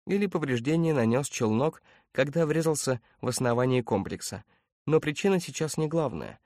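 A man doing a calm, precise android. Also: medium pitch, no echo, clean studio sound, natural voice. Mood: clinical calm. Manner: measured, exact, clinical.

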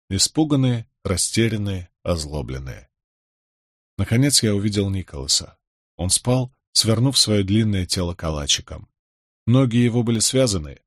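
A man narrating an audiobook in steady first person. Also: fairly low pitch, no room sound, studio quality. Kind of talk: audiobook reading.

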